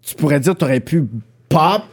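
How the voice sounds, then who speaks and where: A man's voice: a little high, moderate pace, breathy edge. A young man with a Québécois French accent hosting a casual podcast chat, talking animatedly and mixing in English slang. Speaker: podcast host interviewing a rapper.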